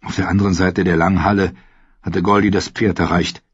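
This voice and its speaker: A man reading scripted narration for an audiobook in a steady, measured way. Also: low-pitched, slightly rough, no echo. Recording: slightly dull dry studio recording.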